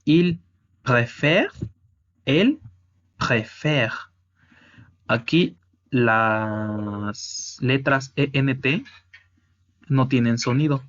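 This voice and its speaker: Guy going slow thru french verb conjugations, kinda dull lo-fi sound. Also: mid-range voice. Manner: slow, explanatory, with restarts. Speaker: French teacher. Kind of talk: slide-based language lesson. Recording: dull lo-fi audio.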